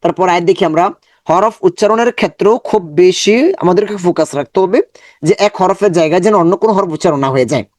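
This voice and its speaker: A man's voice: high voice, quick pace, darkish tone, no room sound. A man with a Bangladeshi Bengali accent teaching an online Quran reading lesson, drilling Arabic syllables one by one between explanations.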